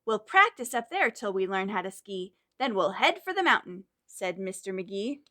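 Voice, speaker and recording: In a mid-range voice at a moderate pace, a woman runs a children's storytime. She addresses young kids directly, animated and encouraging, as she introduces songs and reads aloud.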